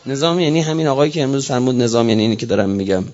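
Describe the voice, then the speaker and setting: A man preaching a religious sermon, swinging between low, slow phrases and impassioned rising cries, with prayers woven in. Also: lively intonation, a little mellow. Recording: dull lo-fi recording.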